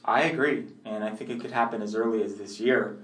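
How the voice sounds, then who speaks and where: A man co-hosting a casual sports talk show, measured and analytical, leaning on "you know" fillers. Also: on the low side, fairly even intonation. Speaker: sports podcast co-host.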